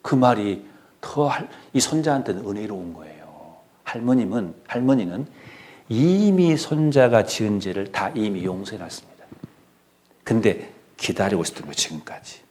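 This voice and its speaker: A man's voice: on the low side, lively intonation, moderate pace, a little mellow. A middle-aged man preaching a sermon in a church, telling a story and putting questions to the congregation.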